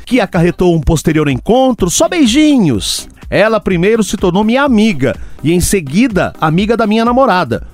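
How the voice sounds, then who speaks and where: A man co-hosting a radio show, talking casually in an animated, expressive way. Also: sits high.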